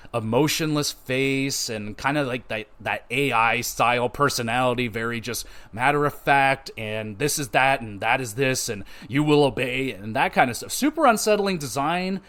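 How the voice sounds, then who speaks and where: Casual cursing man reviewing a game. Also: mid-range voice. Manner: loose, profane and animated, with many fillers and restarts. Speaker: podcast host reviewing a game.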